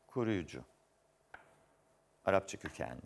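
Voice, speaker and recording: A man's voice: sits low, expressive, unhurried, gravelly, a little hiss or hum. A man hosting a word quiz show, reading clues aloud and teasing the contestant in a playful way. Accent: Turkish. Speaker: game show host.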